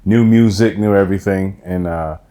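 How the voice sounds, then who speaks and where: A man's voice: deep voice, moderate pace, mellow. A man from Barbados co-hosting a podcast, chatting casually and often repeating words as he talks. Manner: easygoing, repeats words, acts out others. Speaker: podcast co-host. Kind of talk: casual chat.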